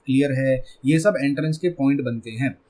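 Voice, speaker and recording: A man's voice: medium pitch, moderate pace, darkish tone. A man teaching a chemistry exam-prep lecture with an Indian English accent, asking his class questions and answering them himself.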